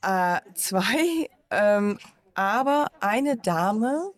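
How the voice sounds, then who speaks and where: A woman's voice: medium pitch, lively intonation, drawn-out words. A woman co-hosting an informal, casual conversation with guests. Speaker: co-host. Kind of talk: casual chat.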